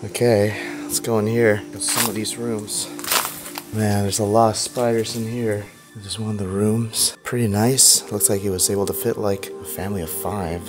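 A man's voice: lowish voice, flat delivery, moderate pace, over music. A young man vlogging casually while exploring an abandoned island resort, easygoing and chatty, a little sick with a fever. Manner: easygoing, exploring and commenting as he walks. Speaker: travel vlogger. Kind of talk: casual vlog narration. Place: abandoned island resort, outdoors and in empty rooms.

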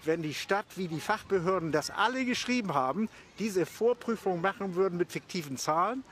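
A man's voice: sits high, expressive, brisk, fairly bright tone. An older man interviewed outdoors on a park lawn, arguing his point with frequent hesitations and restarts. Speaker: local resident interviewed. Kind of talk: street interview.

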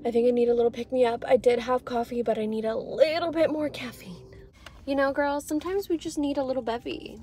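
A woman's voice: high voice, steady tone, fairly quick, mellow. Bubbly young woman vlogging from her car. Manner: bubbly and chatty, calls viewers girl. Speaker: beauty vlogger. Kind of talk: casual vlog chat. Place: parked car. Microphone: phone camera at arm's length.

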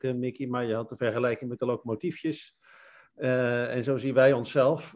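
A man's voice: medium pitch, a little mellow. A man in his fifties giving friendly, encouraging closing remarks on a video call, with some fillers. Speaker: team lead. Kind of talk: closing remarks in an online meeting.

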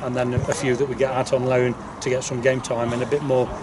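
Speaking fairly quickly in a flat, medium-pitched voice, a male football manager handles an informal post-match interview. He stands outdoors on a football pitch and frequently repeats himself. The sound comes from a distant outdoor mic with clear background noise.

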